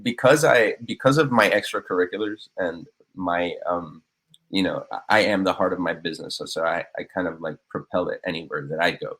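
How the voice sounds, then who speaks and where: On a rough recording, a thirtysomething business owner from Cuba, raised in Miami, talks earnestly as a podcast guest in a casual interview. His low voice is brisk, fairly bright and slightly rough, and he often uses fillers and starts over.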